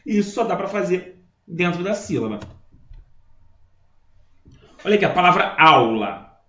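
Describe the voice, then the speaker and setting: A man teaching a grammar lesson, explaining step by step and checking in with his listeners. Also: sits high. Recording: echoey room, dull lo-fi sound.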